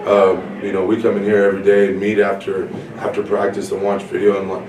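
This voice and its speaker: A hoarse man whose voice is nearly gone, a defensive coordinator, talks in a measured way in an interview, with many fillers. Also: deep voice, monotone. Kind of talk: casual interview. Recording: echoey and distant with crowd noise.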